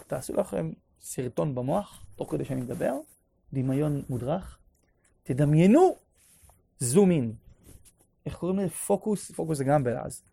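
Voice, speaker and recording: A man teaching a live class on prayer, leading guided imagery with questions and building to loud exclaimed refrains. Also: on the high side, gravelly. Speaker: religious teacher.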